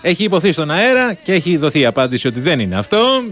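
A man's voice: a little high, sing-song, a bit bright, faint music behind. A man hosting a call-in radio quiz, teasing and playful with his callers.

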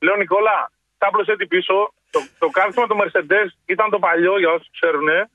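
A man, a taxi driver calling in to a radio show, telling a story excitedly and acting out the voices of the people in it. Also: sits high, no echo. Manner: excitable, acts out quoted voices. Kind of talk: animated phone-in storytelling. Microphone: telephone. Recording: muffled phone line.

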